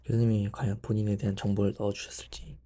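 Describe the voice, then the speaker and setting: A young male medical student with a fairly low, dark-toned voice rattles along quickly in a flat delivery. In this casual study vlog, he talks to himself as he studies, rambling and thinking aloud, often breaking off mid-thought and starting over.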